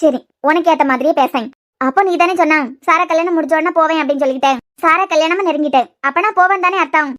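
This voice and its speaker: Woman for quarrelsome young cartoon women, Kanyakumari Tamil accent, very high and fast, reproachful. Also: a bit bright. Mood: arguing. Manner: heated, reproachful arguing. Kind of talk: cartoon dialogue acting.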